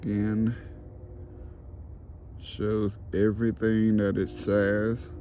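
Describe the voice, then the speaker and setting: Speaking extremely slowly in a fairly low, flat, warm voice, a man casually questions spirits and remarks to the camera as a paranormal investigator outdoors near the woods. He echoes the answers back as questions, and there's slight background noise.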